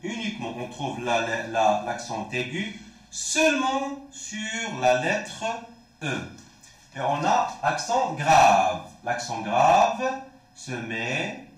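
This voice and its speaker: A male teacher with a Moroccan accent explains a French lesson slowly. His pitch rises and falls a lot as he stresses each word. He sounds like he is in a very echoey room. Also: big pitch swings. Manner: slow, repeating words, asking then answering itself. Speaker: primary school French teacher. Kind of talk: classroom lesson.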